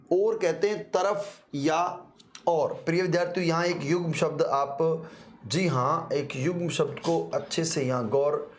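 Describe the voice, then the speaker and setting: A male teacher leads an exam-prep grammar lesson, explaining slowly and deliberately while repeating key words. He addresses his students again and again and sounds out syllables to show pronunciation. His voice is on the high side.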